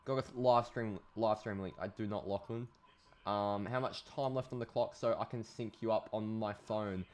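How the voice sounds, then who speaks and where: An Australian man hosting a live stream, giving excitable play-by-play commentary and chatting casually with his viewers. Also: lowish voice, moderate pace. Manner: excitable play-by-play, chats with viewers, swears when frustrated.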